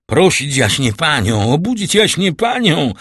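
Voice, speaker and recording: A man's voice: a little high, very animated, unhurried, fairly bright tone, husky, no room sound, clean studio sound, pitched above the performer's own voice, exaggerated voice. A man voicing a distraught nobleman father in an audiobook, calling out raised, pleading and panicked. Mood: frantic. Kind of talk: audiobook character reading.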